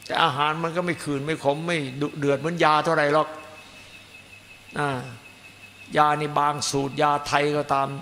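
Male monk giving a dharma talk, raised bright voice, echoey hall with faint hiss. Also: fairly high pitch, level tone, moderate pace, long pauses. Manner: emphatic, piling up repeated phrases. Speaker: Buddhist monk teacher.

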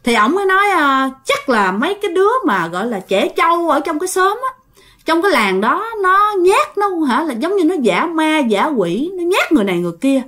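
A woman's voice: high voice, brisk. A woman telling a ghost story, speaking straight to her listeners. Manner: animated, addresses listeners directly.

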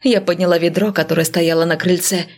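A woman's voice: fairly low pitch, fairly even intonation, a little fast. A woman narrating a first-person audiobook with a wry, ironic tone. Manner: wry, ironic inner monologue.

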